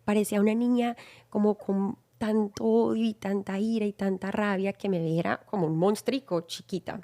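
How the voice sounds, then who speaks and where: This woman shares a personal testimony in an earnest, reflective way. Her voice is mellow and warm and sits at a middle pitch. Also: fairly even intonation, moderate pace. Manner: earnest, reflective, recounts a dream. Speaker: guest.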